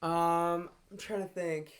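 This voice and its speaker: A young man co-hosting a casual sports podcast, animated and prone to profane outbursts. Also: fairly high pitch, takes it slowly, a crowd in the background. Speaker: podcast co-host.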